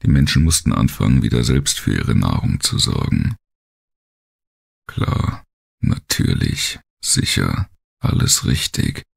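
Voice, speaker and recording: A man narrates a first-person thriller audiobook in a gravelly, husky, very deep voice. His phrasing is brooding, deliberate, and dramatic, with a sing-song quality.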